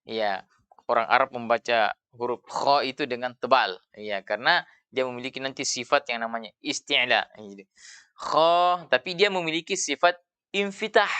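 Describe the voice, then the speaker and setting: A man teaching Quran recitation rules, patiently modelling syllables and drawn-out recited examples. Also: medium pitch, sharp tone, clean tone, dry recording. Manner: slow, patient, often drawing out syllables as models. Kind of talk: tajwid lesson with recited examples.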